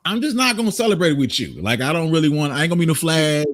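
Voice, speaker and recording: A man's voice: a little high, sing-song, quick pace, a bit bright, no echo. A man co-hosting a casual podcast chat, talking emphatically and joking with frequent laughs. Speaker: podcast co-host.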